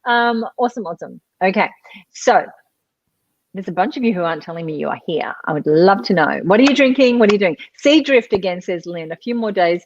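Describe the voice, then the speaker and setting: Woman, online show host, chatty and animated, dry lo-fi call audio. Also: mid-range voice, brisk, dry recording. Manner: chatty, reads out viewer messages, laughs often. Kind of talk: live online chat show. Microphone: video call.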